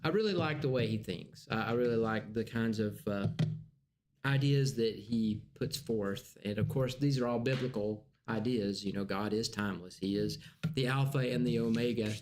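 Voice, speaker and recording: Halting man leading a church class. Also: fairly low pitch, darkish tone. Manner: conversational, halting, many restarts. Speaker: Bible class teacher. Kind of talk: casual teaching.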